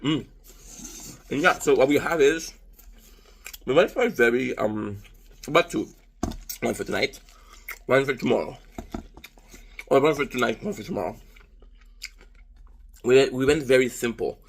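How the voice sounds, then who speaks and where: Unhurried and pausing often, a medium-pitched man in his thirties from Canada talks with a French Canadian accent over a little hiss or hum. He's a vlogger rambling casually through food tasting, with swearing and self-deprecating humor.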